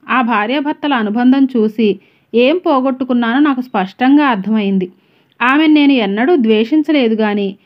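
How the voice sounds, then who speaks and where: A woman voicing a gentle, long-suffering middle-aged housewife who confesses in a sorrowful way. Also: fairly high pitch, lightly acted. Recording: dull lo-fi recording.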